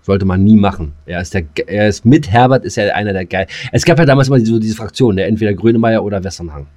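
A man with a fairly low, darkish voice talks quickly as he co-hosts a podcast. It's loose, casual banter between friends, full of slang and some mild swearing.

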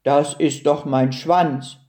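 Woman doing a deep-voiced placid cow. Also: steady tone, slow, warm tone. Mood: matter-of-fact. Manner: low, matter-of-fact, patiently explaining.

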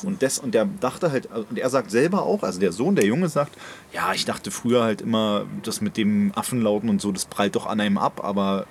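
A man's voice: on the low side, a little fast. Rambling young man, faint background hiss. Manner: rambling, hesitant with many fillers. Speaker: podcast co-host. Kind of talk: casual chat.

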